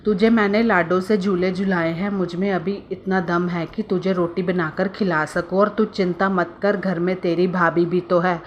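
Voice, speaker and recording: A woman's voice: fairly low pitch, steady tone, normal speed, hardly any pauses, highs cut off, slight background noise, natural voice. A doting middle-aged mother, voiced by a woman storyteller, spoiling and protecting her daughter. She coaxes and reassures in an indulgent way. Her tone stays near a natural speaking voice. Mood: coaxing.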